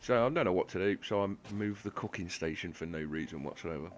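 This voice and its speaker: Man, lowish voice, wry self-mocking game commentary, slight lisp from toothache. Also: brisk, slight background noise. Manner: sarcastic, self-mocking, rambling. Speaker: gaming channel host. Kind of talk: gameplay commentary.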